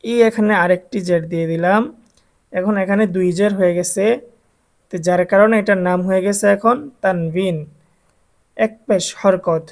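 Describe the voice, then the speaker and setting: A man's voice: sits high, steady tone, normal speed, pauses often. A man with a Bangladeshi Bengali accent teaching Quran reading to adult beginners, drilling letter sounds patiently one by one. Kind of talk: slow, patient recitation lesson for adult beginners.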